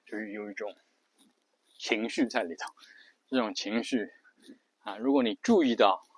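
A man casually explaining a speech habit, rambling with many fillers and stopping to demonstrate creaky, drawn-out word endings. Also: on the low side, no room sound.

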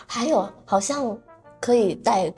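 A woman's voice: fairly high pitch, animated, unhurried, darkish tone, faint music behind. A woman from mainland China hosting a podcast in casual chat, curious and full of questions, laughing often. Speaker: podcast host.

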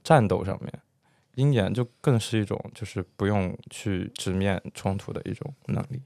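A man speaking in a casual podcast chat, measured and reflective. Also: on the low side, gravelly, darkish tone, no room sound.

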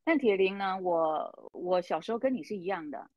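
真诚分享的台湾口音女人. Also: female voice, lowish voice, expressive, moderate pace, a little mellow, no echo, dull audio. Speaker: coach, podcast co-host. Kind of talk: casual conversation.

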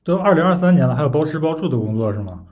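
A man's voice: fairly high pitch, animated, rapid-fire, darkish tone. A man speaking as the host of a casual interview, asking questions conversationally.

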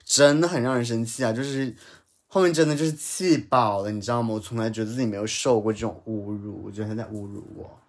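A man's voice: on the low side, fast. A man telling a story in a casual chat, heated and ranting, with English words mixed in. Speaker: podcast co-host telling a story.

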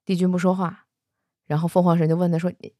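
A woman casually retelling a fantasy romance novel, chatty, with soft particles at the ends of her sentences. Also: on the low side, level tone, fast, no room sound, studio quality. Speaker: storyteller.

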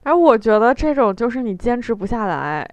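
A woman's voice: on the high side, very animated, brisk, dry recording, muffled recording. A woman in casual chat as a podcast co-host, with a teasing, questioning way of talking.

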